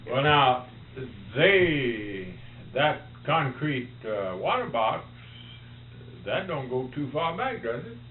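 A man's voice: mid-range voice, sing-song, slow pace. A man in casual conversation, talking in plain, folksy country speech on a tinny, humming tape. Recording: roomy, tinny tape with faint hum.

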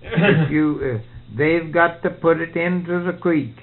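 Heard on a narrow, tinny recording, a farmer in an interview talks casually about farm life. He's an older man whose fairly high voice stays steady at a measured pace, and his folksy rural speech is ungrammatical.

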